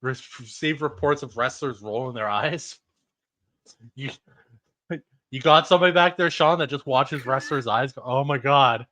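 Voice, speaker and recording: A man's voice: medium pitch, normal speed, long pauses, pushed and bright. A man co-hosting a casual wrestling news podcast, talking bluntly with frequent exasperated swearing. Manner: blunt, profane, exasperated ranting.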